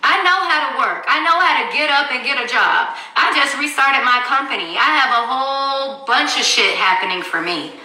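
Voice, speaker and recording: A woman's voice: high-pitched, animated, normal speed, hardly any pauses, pushed and bright. A woman in her thirties on a livestream, telling her story as a mother in a blunt, angry and profane way. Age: 30s. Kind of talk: livestream rant. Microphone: phone. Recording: echoey room, far from the mic.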